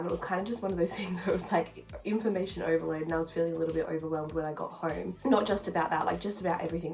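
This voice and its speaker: A woman with a fairly low, slightly mellow voice chats informally to the camera in a personal vlog, rambling and confiding in the listener. The audio quality is poor, and background music plays.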